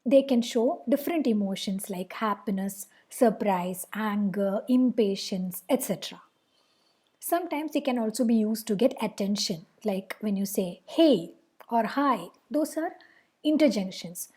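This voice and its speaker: A woman's voice: mid-range voice, expressive, normal speed, dark tone, husky. A woman with an Indian English accent teaching a grammar lesson, patiently explaining and repeating example sentences.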